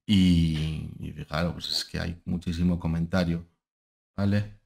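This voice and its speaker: This is a channel host and market analyst from Spain, a young man with a low, darkish voice, steady in tone and a little slow with vocal fry. Sharing his screen from a room at home, he rambles casually over charts, full of ¿eh? and ¿vale?.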